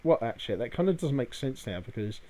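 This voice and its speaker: Guy doing casual podcast chat, mid pitched voice, kinda rambly and hesitant with lots of filler words. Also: big pitch swings, fast talker, crowd noise. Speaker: podcast co-host. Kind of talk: casual chat about a day out.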